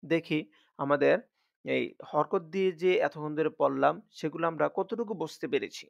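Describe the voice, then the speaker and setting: A man teaches Quran reading in a slow, patient, repetitive voice. His voice sits a little high and has a gravelly edge. The recording is dry and slightly dull. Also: no echo. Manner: slow, patient, repeats each sound for drill. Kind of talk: recorded online lesson.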